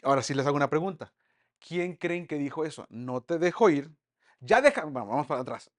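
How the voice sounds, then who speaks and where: Lively man teaching Bible class. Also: a little high, quick pace. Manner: lively, asks the group rhetorical questions. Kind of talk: online Bible study lesson.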